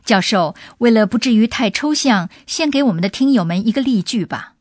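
A woman's voice: fairly high pitch, expressive, brisk, a little mellow, no echo. A woman hosting a radio language lesson, putting listeners' questions to a professor. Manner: asks the expert leading questions.

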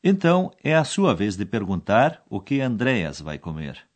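A man's voice: on the low side, huge pitch swings, a little slow. A man narrating a language course in scripted style, explaining each scene and repeating the key foreign words.

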